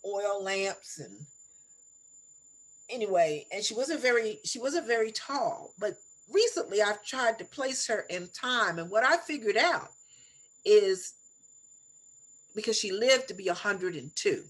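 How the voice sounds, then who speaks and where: An elderly woman in her seventies shares memories as an interview guest. Her voice is husky and mid-pitched, and she speaks reflectively and deliberately, circling back on phrases to stress them. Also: expressive, fairly bright tone, poor audio. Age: 70s. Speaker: interview guest, elder sharing life stories. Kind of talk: reminiscing storytelling in conversation.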